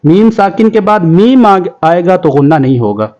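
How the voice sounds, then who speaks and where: A man teaching a tajweed lesson to children, explaining quickly and then reciting words slowly and drawn out. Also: sits high, very animated, darkish tone, highs cut off. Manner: addresses children as pupils. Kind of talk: tajweed lesson, spelling out and chanting Arabic words.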